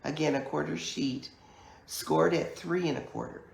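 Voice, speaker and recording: A woman with a croaky, hoarse voice from a chest cold, giving a chatty, step-by-step live online card-making class at her craft table. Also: deep voice, a little hiss or hum. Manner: chatty, unhurried step-by-step explaining. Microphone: camera mic at a craft table. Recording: echoey room.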